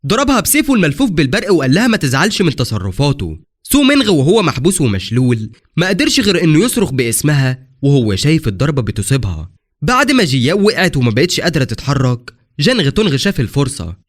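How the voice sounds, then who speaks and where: Fast, lively Egyptian male narrator. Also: a little high. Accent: Egyptian Arabic. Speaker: recap narrator. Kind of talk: scripted story narration.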